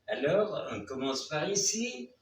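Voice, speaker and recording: Slow, careful male teacher in an echoey room. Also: on the high side, big pitch swings. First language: Spanish. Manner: slow, careful, repeats each word for pronunciation. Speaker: Spanish teacher. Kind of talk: language lesson. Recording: very echoey room, somewhat far from the mic, faint noise.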